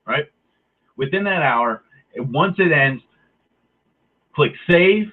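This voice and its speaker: A man's voice: a little high, expressive, slow. A man in a heated, profane, sarcastic rant, speaking his mind to the camera. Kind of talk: angry ranting monologue. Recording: tinny phone-like audio.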